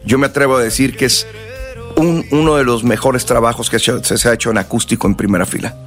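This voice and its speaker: Hungover Mexican singer, slangy and rambling. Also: male voice, medium pitch, quick pace, faint music behind. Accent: Mexican Spanish. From northern Mexico and South Texas. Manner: relaxed, slangy, rambling with many restarts. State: hungover and tired. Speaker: singer guest. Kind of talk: casual radio interview.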